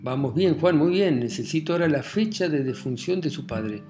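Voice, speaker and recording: A man voicing a brisk, rule-bound helpline woman. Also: on the high side, animated, over music, natural voice. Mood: bureaucratic. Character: woman helpline operator, cheerfully bureaucratic.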